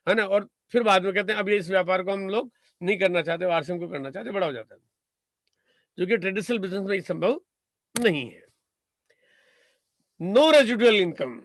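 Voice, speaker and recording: A man's voice: sits high, a bit bright, no echo, clean studio sound. A man from India giving a motivational business talk, emphatic and rhetorical, stacking repeated phrases and asking his listeners "right?".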